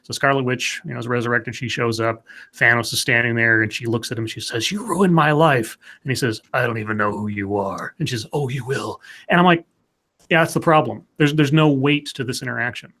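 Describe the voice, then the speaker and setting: A man co-hosting a live comics chat show talks in a rambling, animated way, full of restarts and fillers. His voice is medium-pitched and fairly quick, fitting the casual live-stream chat.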